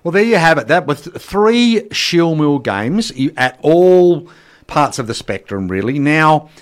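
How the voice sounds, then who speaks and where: A man's voice: fairly high pitch, big pitch swings, a little slow. A man co-hosting a board game podcast, playfully building up announcements in casual chat. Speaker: podcast co-host.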